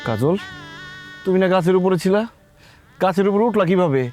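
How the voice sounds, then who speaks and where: An actor playing an anxious, gullible young husband in a comedy drama. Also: male voice, sits high, lightly acted. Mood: puzzled. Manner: anxious, fast and excitable. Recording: loud background music.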